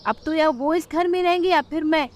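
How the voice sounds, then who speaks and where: List: woman playing a cartoon daughter-in-law crow, irritated, nagging, high voice. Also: brisk, close to an everyday voice. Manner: complaining, ultimatum-giving. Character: fed-up young daughter-in-law crow, sharp-tongued.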